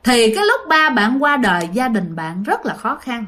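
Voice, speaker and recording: Very animated at a normal pace, a woman with a slightly high, somewhat bright voice narrates ghost stories sent in by listeners. She runs a ghost story channel and tells them in a chatty, casual way, full of fillers and speaking straight to her audience.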